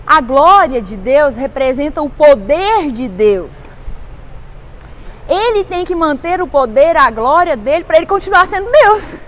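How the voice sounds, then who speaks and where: A woman's voice: high-pitched, sing-song, a little slow, fairly bright tone. A middle-aged woman pastor with a Brazilian Portuguese accent, preaching casually and emphatically, asking the listener question after question. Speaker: volunteer pastor.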